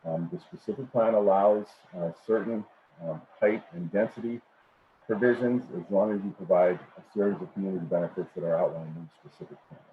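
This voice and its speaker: A middle-aged man giving a formal presentation at a public meeting over a video call. He sounds muffled, as if heard through a wall, and speaks haltingly with many ums and repeated words. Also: lowish voice. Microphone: computer microphone on a video call. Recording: muffled, tinny online-meeting audio with faint noise.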